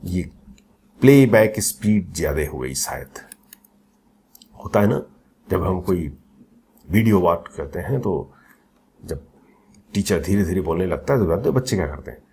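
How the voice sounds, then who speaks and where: A man with a low voice teaches maths in a recorded coaching lecture, mixing Hindi with English terms. His delivery swings up and down with lively pitch as he quizzes the students and cracks small jokes. A faint noise sits under the recording. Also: measured pace, creaky, long pauses. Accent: Hindi-English code-mixing. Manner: lively, chatty teacher, asks the class questions and jokes with students.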